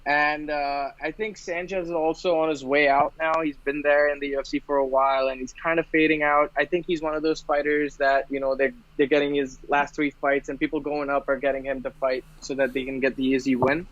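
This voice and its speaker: A man from India talks fight bets in a casual podcast chat, his voice sitting a little high. He rambles and restarts his sentences often. The recording is dull and lo-fi, with a dry, close sound. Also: level tone, fairly bright tone, dry recording. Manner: quick, rambling, many restarts. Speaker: podcast co-host.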